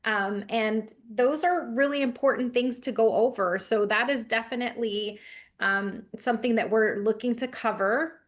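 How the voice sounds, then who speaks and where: A woman's voice: a little high, normal speed. A friendly woman, a company representative, explaining with lots of fillers over a video call.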